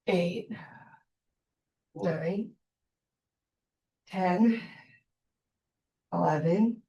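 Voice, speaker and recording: A woman's voice: medium pitch, darkish tone. A woman leading a casual workout class, counting reps and repeating short, encouraging cues. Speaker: fitness instructor leading a workout. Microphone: distant from the speaker. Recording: echoey room, distant microphone.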